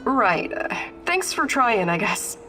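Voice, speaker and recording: A woman's voice: on the high side, very animated, takes it slowly. An actress playing a grieving, plain-spoken and skeptical woman fighter in a video game, with music behind her. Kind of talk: video game dialogue acting.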